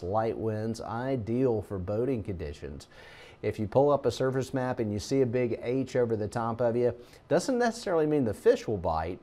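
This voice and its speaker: A middle-aged man, a TV meteorologist giving a relaxed, folksy talk over slides. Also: lowish voice.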